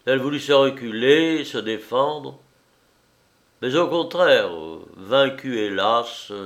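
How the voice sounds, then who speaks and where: A man narrating a classic novel in a measured, expressive storytelling voice. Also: medium pitch. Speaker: audiobook narrator. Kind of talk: literary reading of a classic novel.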